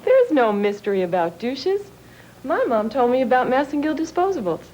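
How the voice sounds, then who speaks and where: A woman's voice: sits high, big pitch swings, moderate pace, loud music behind the voice, low-quality recording. An actress playing a chipper young woman endorsing a product in a scripted vintage TV commercial. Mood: chipper, reassuring.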